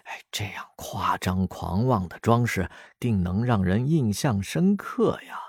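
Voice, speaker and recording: A man's voice: sits low, normal speed, dry recording, clean studio sound. A man voicing a sheepish, joking young man who likes to banter, in a storybook reading.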